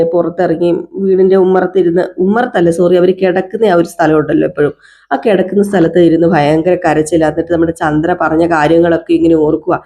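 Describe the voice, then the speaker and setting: A woman's voice: fairly low pitch, mellow. Chatty woman recapping a serial. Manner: chatty, addresses viewers with tag words. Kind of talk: casual storytelling recap.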